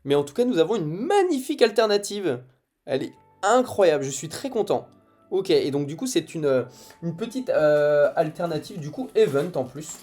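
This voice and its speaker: Excited young man opening card packs. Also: fairly high pitch, normal speed, soft background music. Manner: excited, reacting card by card with frequent "ok, d'accord". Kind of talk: casual pack-opening commentary.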